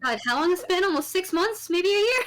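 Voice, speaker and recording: A woman's voice: very high voice, expressive, fast talker, a bit bright. A woman player in a casual chat, playful and laughing often.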